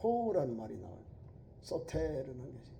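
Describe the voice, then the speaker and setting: A man, preaching a sermon as pastor. He moves between loud, emphatic quoted lines and low, quiet asides. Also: huge pitch swings, moderate pace, vocal fry, a little hiss or hum.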